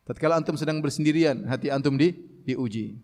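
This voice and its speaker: A man giving an animated sermon on Quranic commentary, reciting Arabic verses slowly and raising his voice to mimic people shouting. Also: on the high side. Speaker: preacher. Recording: long hall reverb.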